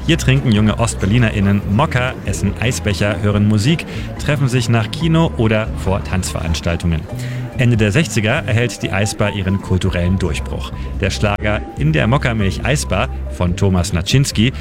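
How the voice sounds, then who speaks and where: Lowish male radio narrator, measured scripted delivery with pauses, loud music bed underneath. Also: animated. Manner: measured, with dramatic pauses in lists. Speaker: radio editor and city guide.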